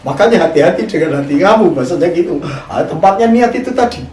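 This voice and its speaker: A man, an Islamic preacher, delivers a sermon and tells a story, often putting questions to his audience. His voice is a little high and a little mellow, with lively intonation and a fast pace. He sounds far off in an echoey room.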